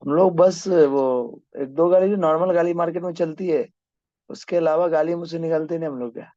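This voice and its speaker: Brisk male maths teacher, dry dull sound. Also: on the high side, fairly even intonation, mellow, dry recording. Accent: Hindi-speaking, from north India. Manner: brisk, urging students to hurry. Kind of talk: classroom teaching and banter with students. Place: classroom. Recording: dull dry classroom recording.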